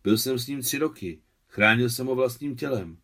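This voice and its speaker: A man reading out a gruff but caring aging war veteran who talks in short, terse lines. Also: mid-range voice, fairly bright tone, pitched above the performer's own voice.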